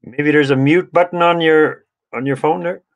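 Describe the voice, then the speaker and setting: A man hosts a live online show in a friendly but halting way, full of fillers as he hands the floor to guests. His voice sits slightly high and sounds dry and close. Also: steady tone, dry recording, rough recording. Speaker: host.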